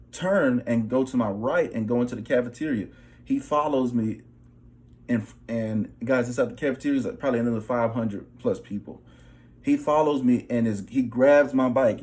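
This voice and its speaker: A man's voice: mid-range voice, moderate pace, a little mellow. A young man with a mid-range voice tells a personal spiritual story in casual, emphatic speech. He keeps checking in with his listeners as he goes along. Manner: casual, emphatic, repeats "bro" and "okay". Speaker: vlogger.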